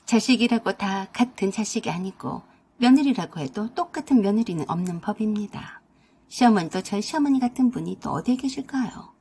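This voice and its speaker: A woman telling a first-person radio drama story in a calm, matter-of-fact way. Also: medium pitch, brisk, slightly rough.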